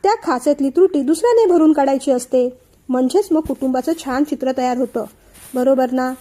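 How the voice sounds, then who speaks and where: A woman doing a gentle wise mother-in-law. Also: sits high, a little fast, lightly acted. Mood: tender. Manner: soft, affectionate advice.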